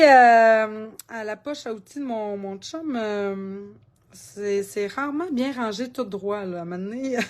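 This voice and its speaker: A woman with a Québécois accent hosting a live card-making demo, chatting in a rambling, talkative way and laughing often. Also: on the high side. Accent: Québécois French.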